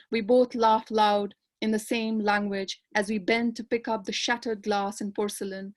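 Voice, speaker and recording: A woman from Kashmir, reading her poetry aloud in a measured, lyrical way on a panel discussion held over a video call. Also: medium pitch. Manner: measured, lyrical recitation with repeated refrains. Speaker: poet and panelist.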